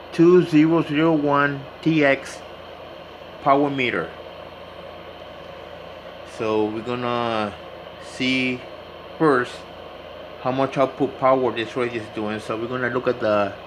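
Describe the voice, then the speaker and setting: Over some background noise, a man with a medium-pitched voice walks through an informal hands-on tutorial. He's a radio repair hobbyist doing a demonstration, explaining things plainly and instructively and repeating his instructions as he works.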